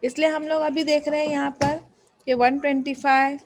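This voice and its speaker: A woman's voice: high-pitched, flat delivery, normal speed, no room sound, rough recording. A woman math teacher explaining a lesson, patiently repeating questions and prompting students to answer.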